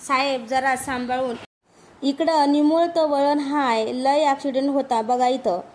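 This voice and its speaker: A calm, mysterious village woman, as a woman storyteller puts her on, talking in rustic dialect and coaxing. The voice sits high and comes out louder and fuller than the narration. It is a storybook reading with faint hiss behind it. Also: unhurried.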